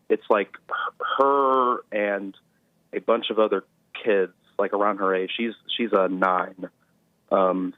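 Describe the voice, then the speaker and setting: A young man calls in to a talk show over a tinny phone line, his fairly low voice captured in a dry recording. He speaks hesitantly, with lots of fillers and restarts.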